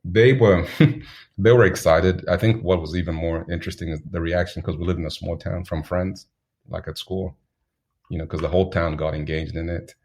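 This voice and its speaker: A man from Zambia, a guest telling stories in a relaxed interview, unhurried and anecdotal, chuckling now and then. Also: sits low. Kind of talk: reflective storytelling in an interview.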